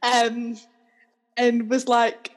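A young woman co-hosting a podcast, telling a story in a chatty, animated way and laughing often. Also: fairly high pitch, drawn-out words. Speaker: podcast co-host. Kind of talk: casual storytelling chat.

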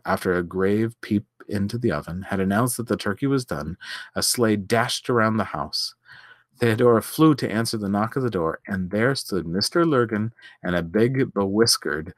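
A man, the host, reading a story aloud in a measured, expressive way. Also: lowish voice, no echo, clean studio sound.

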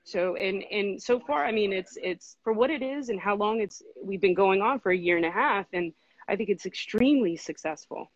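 A woman guest talking casually in an interview, relaxed and chatty with plenty of fillers. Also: medium pitch, normal speed, dry recording, muffled recording. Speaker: podcast co-host and guest.

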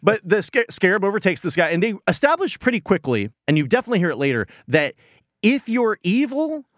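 A man with an American accent and a fairly high, very animated voice, close and dry on the mic. He rambles through a casual comedic recap, often sounding baffled and ranting. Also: a little fast, no echo. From United States. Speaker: podcast co-host.

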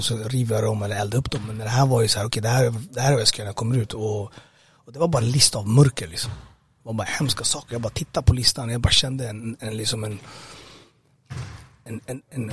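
A man giving a personal testimony in an interview. He talks conversationally and haltingly, with many fillers and repeated words. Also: mid-range voice, a bit bright. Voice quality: husky. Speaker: interview guest.

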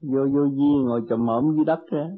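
A man counsels a disciple as her meditation teacher, gentle and a little teasing, dropping short maxims. His pitch sits in the middle range. The recording is thin and phone-like. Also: brisk. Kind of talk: spiritual counseling. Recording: tinny lo-fi tape.

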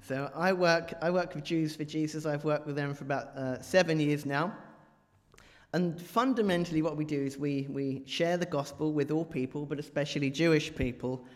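A man's voice: fairly high pitch, moderate pace. A man giving a chatty, joking talk to a church congregation and quizzing the audience as he speaks. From England. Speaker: guest preacher. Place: large church. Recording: reverberant church hall.

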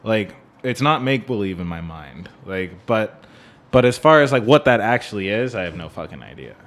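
A podcast co-host rambles through a casual music discussion, often asking "right?" to check that others agree. His low voice has a sing-song lilt and a touch of brightness, at a normal speed.

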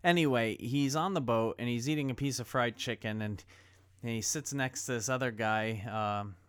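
A man's voice: mid-range voice, moderate pace, clear, resonant tone. A man preaching a sermon, reading scripture and then retelling a film scene in a conversational way. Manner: conversational storytelling, acts out quoted dialogue. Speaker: pastor.

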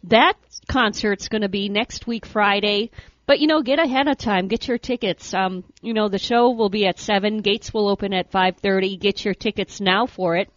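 A woman's voice: medium pitch, normal speed, dry recording, lo-fi sound. A woman co-hosting a morning radio show, chatting casually as she runs through weekend event listings. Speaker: co-host.

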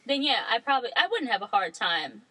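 A woman's voice: a little high, very animated, fairly quick, sharp tone, slightly rough, dry recording, rough recording. A woman co-hosting a podcast in casual chat, blunt and joking, swearing casually. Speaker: podcast co-host.

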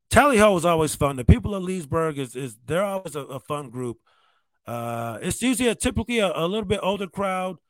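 Man, stand-up comedian, casual storytelling, fillers like "man", slightly high voice, dry close sound. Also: no echo. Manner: loose and conversational, often says "man" and "like".

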